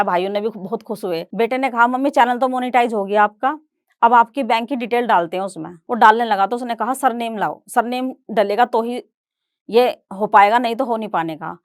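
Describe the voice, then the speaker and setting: A woman's voice: on the high side, no echo, clean studio sound. A middle-aged woman giving a stage talk, retelling her family story and voicing relatives in quoted dialogue. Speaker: guest speaker.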